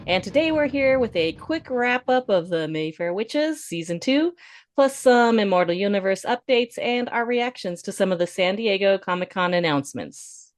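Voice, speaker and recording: A woman's voice: medium pitch, animated, moderate pace, no room sound. A woman in her fifties co-hosting a podcast, chatting casually and laughing often. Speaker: podcast co-host. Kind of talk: casual chat.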